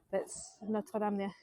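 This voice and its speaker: In a casual live stream, a New Zealand woman talks to viewers while walking city streets at night, coming across as subdued and disappointed. Her voice is medium-pitched and warm, with no echo.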